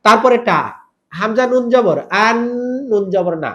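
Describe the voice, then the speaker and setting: A man teaching Quran recitation rules, spelling out each letter and vowel mark and then drawing the words out slowly in a chanted style, asking the listener to repeat. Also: sits high, lively intonation, fairly bright tone. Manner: asks the listener to repeat after him. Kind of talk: step-by-step tajweed lesson.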